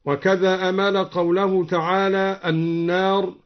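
A man teaching and chanting Quranic readings in a slow, measured, melodic way, his voice sitting a little high. It comes from a dull, muffled old radio broadcast recording. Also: little pitch movement.

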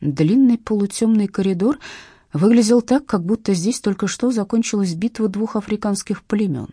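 A woman reading an audiobook aloud in an expressive, wry storytelling manner. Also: mid-range voice, moderate pace, breathy edge, dry recording, clean studio sound. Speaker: audiobook narrator.

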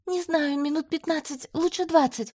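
A woman's voice: high-pitched, normal speed, darkish tone, dry recording, studio quality, voice pushed up, close to an everyday voice. A woman reading an audiobook, voicing a frightened young female healer who cries out in a raised, pleading voice. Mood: panicked pleading.

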